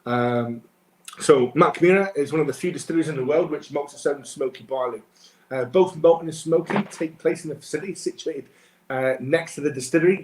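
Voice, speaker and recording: A man presenting sommelier-style tasting notes on a live webcast, informal and halting as he lists aromas and flavours. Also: a little high, a little mellow, echoey room, a little hiss or hum, rough recording.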